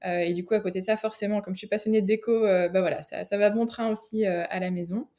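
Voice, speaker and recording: A woman's voice: mid-range voice, fairly even intonation, fast, mellow. Hesitant woman guest. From France. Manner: hesitant, with frequent fillers and restarts. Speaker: guest, interior architect and decorator. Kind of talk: casual interview chat.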